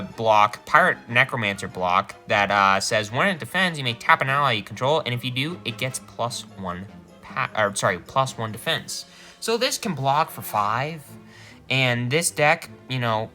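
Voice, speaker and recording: A man talks through a card set in a casual review, his voice bright and forceful. His pitch swings widely as he gets animated, laughing often and correcting himself mid-sentence. Soft music sits faintly behind him.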